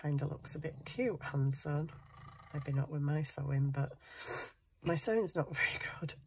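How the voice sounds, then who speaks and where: Here the same craft channel host, a middle-aged woman, speaks in a deep, expressive voice at a moderate pace, husky and congested from a cold that has her sniffing. She chats casually and self-deprecatingly while hand sewing at a cluttered indoor craft table, with slight background noise.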